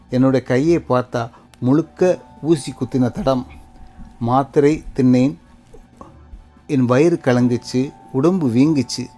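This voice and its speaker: A man reading a sad first-person story as scripted narration, slow and sorrowful in short measured phrases. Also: mid-range voice, mellow.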